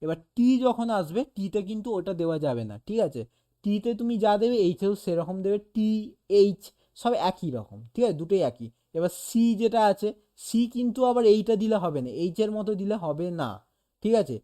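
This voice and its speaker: Patient tutor, dark mellow tone, talks a student through a lesson and sounds out examples. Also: medium pitch, very animated, brisk. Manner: explains patiently, demonstrates sounds aloud, keeps checking "okay?". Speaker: animation teacher. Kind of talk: casual one-on-one lesson.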